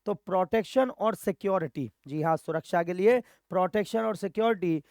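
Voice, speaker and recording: A man's voice: sits high, normal speed, a little mellow, no room sound, clean studio sound. A man with an Indian accent teaching exam vocabulary, drilling words by repeating them and answering his own questions. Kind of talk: Hindi-English vocabulary lesson.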